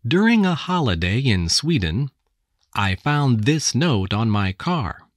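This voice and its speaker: An American woman reading English textbook passages aloud with careful, deliberate enunciation. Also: rumbling low, very animated, no echo, clean studio sound. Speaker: English text reader. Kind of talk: slow scripted textbook reading.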